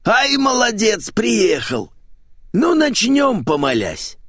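A man voicing a loud, flamboyant man who dresses like a parrot, brash and slangy, in an audiobook. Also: high voice, huge pitch swings, no echo, clean studio sound, pitched above the performer's own voice, full character voice. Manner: brash, slangy, drawn-out exclamations. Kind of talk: audiobook character voice.

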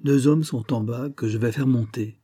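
A man's voice: mid-range voice, moderate pace, mellow, breathy edge, dry recording, studio quality, natural voice. A man reading an audiobook voices a stern avenger giving firm commands. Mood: commanding. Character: stern male avenger holding a pistol.

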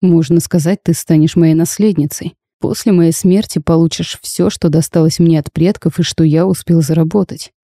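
A cursed dragon duke from a storybook, cold, curt and even-voiced, as a woman reads him. The tone is dark, mellow and fairly low. It is recorded dry and close. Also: normal speed, few pauses, no echo. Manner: flat, terse, reserved.

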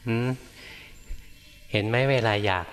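An older man, a Buddhist monk teacher, guiding students with gentle, repeated checking questions in a monastery hall. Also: slow. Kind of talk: dharma Q&A guidance. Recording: echoey hall.

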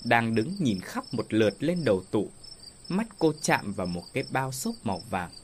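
A man's voice: mid-range voice, very animated, moderate pace, slight background noise. Man narrating a ghost story. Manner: dramatic storytelling delivery.

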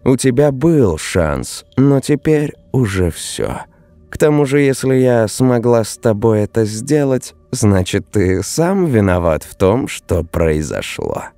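A man voicing a calm, mocking young woman who is a witch. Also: mid-range voice, slow pace, no room sound, pitched above the performer's own voice. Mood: cold. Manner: mocking, firm.

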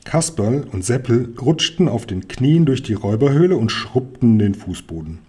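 Husky man reading a storybook aloud. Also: mid-range voice. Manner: even, measured reading. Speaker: audiobook reader. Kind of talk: storybook narration.

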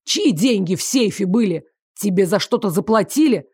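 A woman reading the part of a jealous man who shouts accusations and then begs. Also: medium pitch, lively intonation, normal speed, slightly rough, no echo, clean studio sound. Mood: shouting angrily. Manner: loud and accusing, then begging. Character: angry pleading man, jealous ex-lover.

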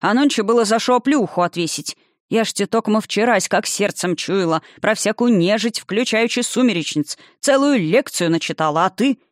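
A woman's voice: mid-range voice, animated, moderate pace, dry recording, studio quality, lightly acted. A woman reading a stern, grumbling old village witch grandmother in a rustic, old-fashioned dialect. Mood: scolding.

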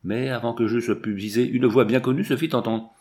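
A man reading a first-person adventure novel aloud as a measured, tense audiobook narration. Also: medium pitch, fairly even intonation, darkish tone. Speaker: audiobook reader.

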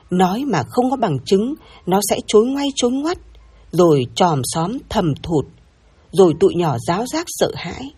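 A woman narrating a scripted story in a measured, reflective way. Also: on the low side, mellow, slightly rough.

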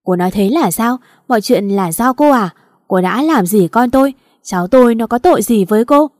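A woman voicing an older mother who screams scolding accusations in a raised, higher voice. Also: expressive, normal speed, dry recording, studio quality, close to an everyday voice. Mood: furious. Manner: shouting, scolding.

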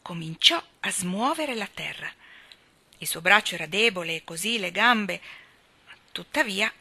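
Bright-voiced woman reading a storybook. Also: medium pitch, expressive, measured pace. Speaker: reader. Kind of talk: audiobook narration of a children's novel.

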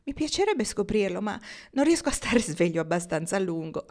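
Woman reading a wry, calm gentleman. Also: mid-range voice, fairly quick, natural voice. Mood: amused, gentle. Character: worldly gentle-humored grown man.

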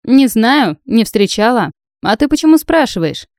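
A woman reading an audiobook, voicing a brash, teasing young female friend who talks loud and breezy. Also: a little high, sing-song, normal speed, dry recording, clean studio sound, pitched above the performer's own voice.

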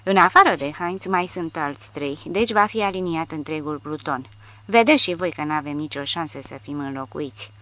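A woman's voice: sits low, pushed and bright. A woman reading the lines of a shaken, stammering male soldier delivering bad news. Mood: resigned. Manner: stammering, subdued.

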